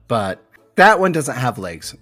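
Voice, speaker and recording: A man's voice: mid-range voice, big pitch swings, slow pace, sharp tone, faint music behind. A man co-hosting a podcast in casual chat, rambling and stammering over his words. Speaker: podcast co-host.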